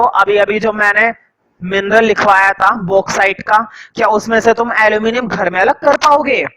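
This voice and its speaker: A man teaching a science class, slowly dictating notes to students and quizzing them with repeated questions. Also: high-pitched, pushed and bright, poor audio. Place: classroom with a board.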